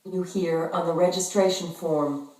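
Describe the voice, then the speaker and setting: A woman narrating instructions for a language-course listening exercise in a measured, instructional way, heard from far off in an echoey room. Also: lowish voice, fairly even intonation, dark tone.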